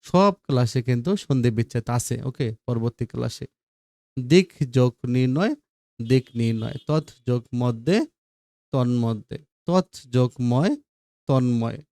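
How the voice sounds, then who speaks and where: A male teacher works through grammar examples one after another and keeps checking that his students follow. His voice is mellow and warm. The recording is dry and close. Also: mid-range voice, unhurried, dry recording.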